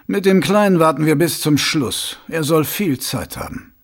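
Man playing a shrewd watch captain, dry, commanding, slightly raised pitch, gravelly. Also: lively intonation, normal speed. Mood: brisk orders. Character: shrewd middle-aged male watch captain, dryly cunning.

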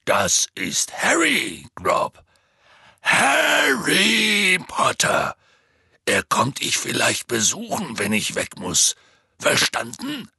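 A man voicing a huge, clumsy half-giant man who calls out loudly and strains his voice to coax and scold, in an audiobook. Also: low voice, a little slow, gravelly, breathy edge, no echo, studio quality, voice pushed down, heavily acted. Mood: shouting, scolding. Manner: loud, strained calling out, pleading and scolding.

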